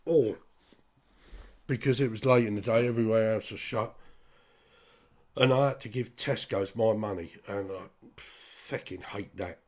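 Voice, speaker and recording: A man's voice: medium pitch, steady tone, moderate pace, long pauses, a little mellow. A British man talking straight to his listeners in a blunt, sweary, rambling monologue. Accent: British English. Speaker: vlogger. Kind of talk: casual ranting monologue.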